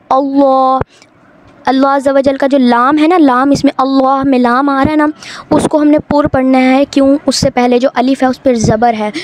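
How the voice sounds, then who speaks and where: A woman teaching Quran reading in a home video lesson, explaining step by step and drawing words out slowly. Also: high-pitched, darkish tone, slight background noise.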